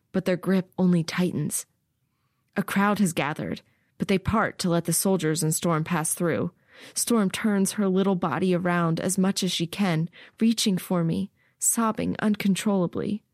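A woman author narrating her own audiobook in measured, steady storytelling. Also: lowish voice, dry recording, clean studio sound.

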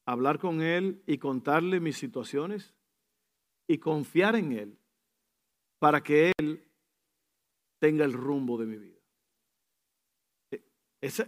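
Pastor guy preaching, high-ish voice, gets dramatic, goes quiet then loud, throws in some english. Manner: animated, acts out scenes with sudden shifts between soft and loud; drops in English phrases. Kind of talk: sermon.

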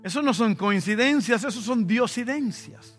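A Dominican pastor from the Dominican Republic delivers a conversational sermon full of personal stories, breaking into sudden emphatic bursts. His very high voice moves at a moderate pace with lively intonation and a slightly bright tone. Faint music plays behind him.

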